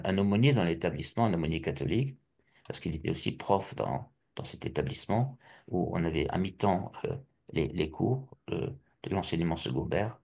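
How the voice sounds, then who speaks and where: A middle-aged man from Alsace giving a personal testimony, halting and restarting often with repeated words. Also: deep voice, vocal fry, a little mellow. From Alsace, France.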